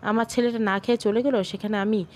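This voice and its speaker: A woman's voice: mid-range voice, steady tone, natural voice. Firm, caring mother, read by a woman. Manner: slow, firm.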